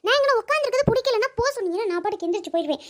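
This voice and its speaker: A woman's voice: extremely high pitch, expressive, racing. A woman doing a cranky old Kanyakumari grandma. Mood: scolding. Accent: Kanyakumari Tamil. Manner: scolding, quarrelsome, mocking. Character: cranky old grandmother, sharp-tongued and stubborn. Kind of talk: cartoon voice acting.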